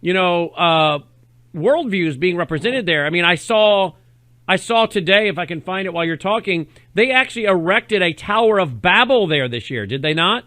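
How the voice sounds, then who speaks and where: A man's voice: high-pitched, expressive, moderate pace, sharp tone, no room sound. A man hosting an opinionated conversational interview, insistent, repeating words and prompting with questions. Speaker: host interviewing a correspondent.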